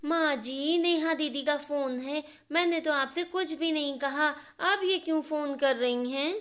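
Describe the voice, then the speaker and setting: A woman's voice: high-pitched, unhurried, fairly bright tone. A woman voicing a polite, anxious young daughter-in-law.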